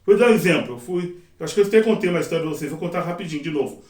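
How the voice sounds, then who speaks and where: A middle-aged man teaching a sign language interpreting class in a casual, lively way, acting out his examples. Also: a little high, racing. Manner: lively, acts out examples and quotes. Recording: echoey room, mic at a distance.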